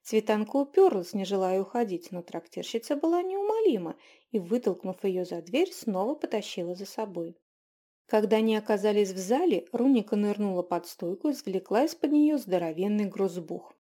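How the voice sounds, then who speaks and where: A woman narrating a fantasy audiobook in an even, measured reading. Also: mid-range voice. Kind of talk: storybook narration.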